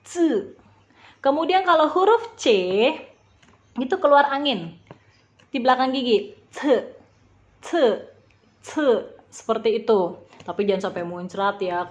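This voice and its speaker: Patient woman teaching pronunciation slowly. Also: high voice. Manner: patient, demonstrates sounds slowly and repeatedly. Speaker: language teacher. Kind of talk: beginner language lesson.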